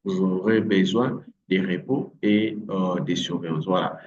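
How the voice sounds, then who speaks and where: A man teaches a language lesson at a very slow, deliberate pace, drilling each word several times and pausing often on fillers. His voice sits on the low side. The recording is slightly distant and muffled, with faint background noise. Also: fairly even intonation. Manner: slow, drilling words with repetition and many fillers. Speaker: English teacher.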